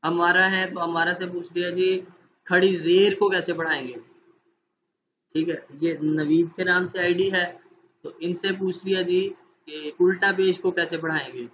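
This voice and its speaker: A man's voice: sits high, steady tone, fairly bright tone, lo-fi sound, slight background noise. A man training teachers in an online class, explaining steps patiently and often checking that his listeners follow.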